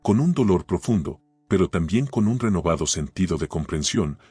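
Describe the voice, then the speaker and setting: Deep husky male narrator. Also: animated, normal speed, dark tone, no room sound, faint music behind. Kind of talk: scripted dramatic narration.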